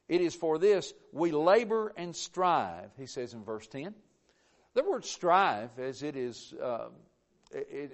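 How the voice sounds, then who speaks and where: A man preaching a sermon, earnest and emphatic, with frequent halting restarts. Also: on the high side, darkish tone.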